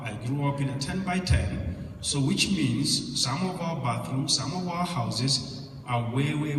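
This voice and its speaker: A man's voice: medium pitch, slight background noise. A man from Kenya giving an earnest personal story talk at a conference, with joking asides. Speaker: conference speaker. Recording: echoey hall from far off.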